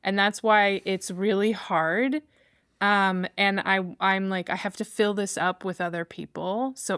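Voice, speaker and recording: A woman guest on a podcast, talking haltingly and searching for words as she opens up. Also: mid-range voice, a bit bright, no room sound, studio quality. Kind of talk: casual conversation.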